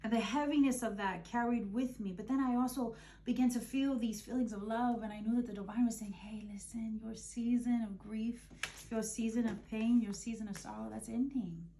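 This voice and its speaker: A woman's voice: a little high, a little mellow, slight background noise. A woman giving a casual spiritual tarot reading, emotional and openly swearing, calling her listeners babe and boo. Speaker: tarot reader.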